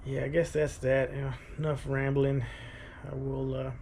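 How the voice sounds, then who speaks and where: A man in his thirties talking casually to his vlog audience, rambling and thinking aloud in a halting way. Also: mid-range voice, completely flat delivery, a little mellow, slight background noise. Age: 30s. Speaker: running vlogger.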